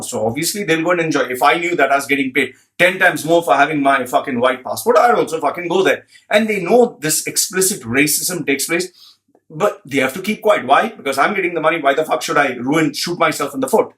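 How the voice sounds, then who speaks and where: A man's voice: a little high, a little fast, a bit bright. A man giving a blunt, profane commentary, repeating phrases for emphasis and reading out an article.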